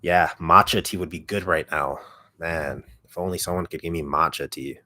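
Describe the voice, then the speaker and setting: A man with a deep, raspy voice chatting casually on a livestream, relaxed and rambling, speaking very close to the microphone. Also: normal speed, dry recording. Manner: relaxed, rambling, heavy use of "like". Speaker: ASMR content creator on a livestream. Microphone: microphone held very close.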